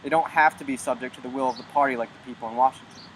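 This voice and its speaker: Young man interviewed, medium-pitched voice. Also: steady tone, rapid-fire, a bit bright, slight background noise, low-quality recording. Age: young adult. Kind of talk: interview commentary.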